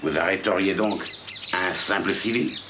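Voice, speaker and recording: A man's voice: deep voice, normal speed, heavy background noise, natural voice. An actor playing a guarded, defiant man standing up to an officer in an adventure film. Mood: indignant. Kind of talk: dubbed adventure film acting. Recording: loud music behind.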